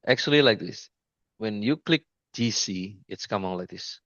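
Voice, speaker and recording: A man giving an informal screen-share trading lesson, speaking haltingly with many restarts and repeated pointers to the chart. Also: lowish voice, expressive, a bit bright, no room sound, highs cut off. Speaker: trading mentor.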